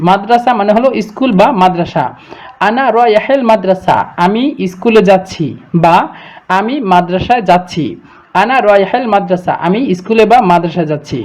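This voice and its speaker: A man teaching a beginner Arabic lesson, saying each phrase slowly and repeating it for learners to copy. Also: high-pitched, a little mellow. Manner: slow, repeated model pronunciation.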